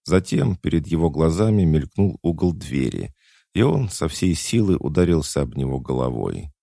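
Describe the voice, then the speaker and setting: A man narrating a thriller audiobook in a measured, dramatic reading. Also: a bass voice, big pitch swings, gravelly, dark tone, dry recording, clean studio sound. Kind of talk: scripted narration.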